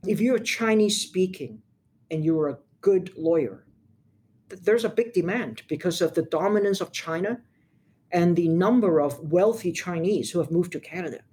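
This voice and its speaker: An older Hong Kong woman, a lawyer, responds to interview questions with measured frankness and stresses certain points. Her voice is lowish, warm, and expressive.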